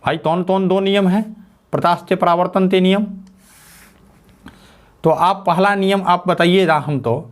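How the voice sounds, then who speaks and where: Fairly high-voiced male teacher dictating notes. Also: steady tone. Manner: slow dictation, repeats phrases, asks and answers his own questions. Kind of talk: classroom physics lesson.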